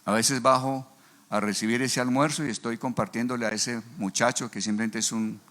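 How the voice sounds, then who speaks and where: A middle-aged man, preaching a sermon and telling stories with lively quoted dialogue. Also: mid-range voice, normal speed. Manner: animated storyteller, acts out dialogue. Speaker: pastor. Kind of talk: sermon with storytelling.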